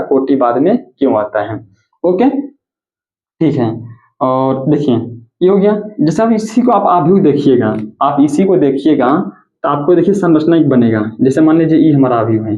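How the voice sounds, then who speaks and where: A male mathematics teacher giving a classroom lecture, who repeats points and asks and answers his own questions. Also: a little high. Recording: echoey, tinny phone-like audio.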